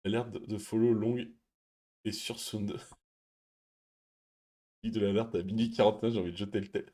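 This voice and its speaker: A man hosting a stream, chatting casually and reading viewer messages, speaking quietly and laughing often. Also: fairly low pitch, flat delivery, measured pace. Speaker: stream host.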